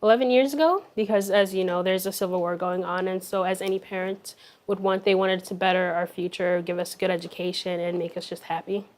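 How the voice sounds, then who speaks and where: Young woman from south sudan, quick talker, shy and soft, tv studio guest. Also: lowish voice, fairly even intonation. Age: young adult. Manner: shy, soft-spoken with fillers. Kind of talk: studio interview answers. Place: television studio.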